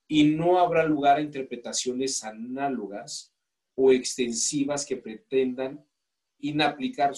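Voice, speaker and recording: In a mid-range voice with a darkish tone, a Mexican-accented instructor lectures his law course. He puts questions to the students and gently pushes for volunteers to read aloud.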